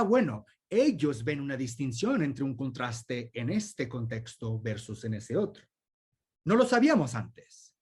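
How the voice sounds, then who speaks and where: A man, the guest speaker, answering audience questions in an academic discussion over a video call and explaining thoughtfully with many examples. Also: a little high.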